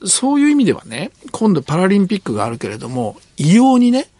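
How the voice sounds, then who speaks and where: A man's voice: high voice, wildly swooping pitch, fast, mellow, dry recording. An older man hosting a radio talk show, giving emphatic commentary in bursts with many tag particles. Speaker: radio host.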